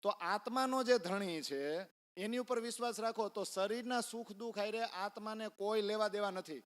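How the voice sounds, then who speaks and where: A man's voice: high voice, moderate pace. A man giving a storytelling sermon in a temple, acting out the voices in the story. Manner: animated, acts out the voices in the story. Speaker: religious discourse speaker. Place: temple hall.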